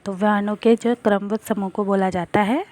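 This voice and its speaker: A woman teacher giving a grammar lesson to schoolchildren, explaining slowly and answering her own questions. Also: mid-range voice, steady tone, darkish tone.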